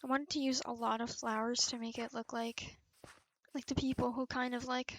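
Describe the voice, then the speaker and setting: A young adult woman with a fairly high voice narrates her gameplay at normal speed in a flat delivery. As a video creator, she chats casually, rambling and informal with a self-effacing streak, over background music.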